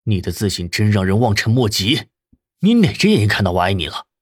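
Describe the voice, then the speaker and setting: A man's voice: fairly low pitch, sing-song, fairly quick, breathy edge, dry recording, clean studio sound. An actor playing a cold, contemptuous young man in an audiobook drama, with an icy, scornful delivery.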